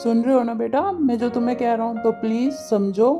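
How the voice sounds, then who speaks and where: A woman voicing a gentle, caring middle-aged father who coaxes his daughter in a fan audio drama. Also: on the high side, fairly even intonation, fairly quick, music in the background, close to an everyday voice. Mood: soothing. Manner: soothing and coaxing.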